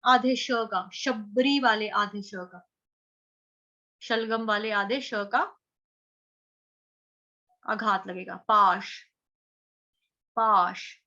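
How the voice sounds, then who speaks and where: A woman teaching Sanskrit verse chanting, patiently breaking words into syllables and chanting them slowly. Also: mid-range voice, bright, forceful tone, lo-fi sound. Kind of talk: chanting lesson, syllable-by-syllable instruction.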